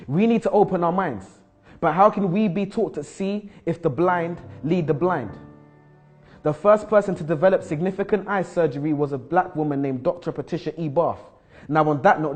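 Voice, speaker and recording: A man's voice: on the high side, a little mellow, natural voice. A young man playing a bold, frustrated school student who challenges a teacher in rhyming, insistent spoken-word verse. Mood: impassioned, then challenging. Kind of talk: spoken-word poetry monologue.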